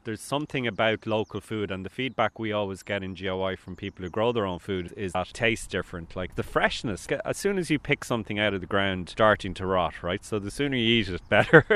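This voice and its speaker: A man's voice: lowish voice, expressive, fast, hardly any pauses, fairly bright tone. A man with an Irish accent speaking casually and persuasively in an interview. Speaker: vegetable grower.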